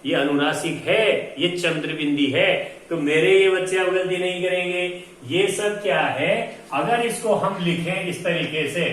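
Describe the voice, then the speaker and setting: A man teaches children grammar in a slightly high voice, drilling each word and asking them to say it back. He stands a little away from the mic in a very echoey room, with some faint noise behind him. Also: a bit bright, recorded from a distance. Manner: drills pronunciation, asks children to repeat words. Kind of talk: classroom-style lesson for children.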